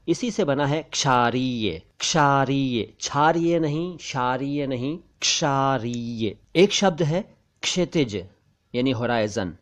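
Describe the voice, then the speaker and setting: A man gives a pronunciation lesson in a measured, mid-pitched voice. He says each word with deliberate care and repeats it, setting wrong and right sounds side by side. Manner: careful, deliberate enunciation, repeating words slowly; contrasts wrong and right sounds, stressing syllables. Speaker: language teacher.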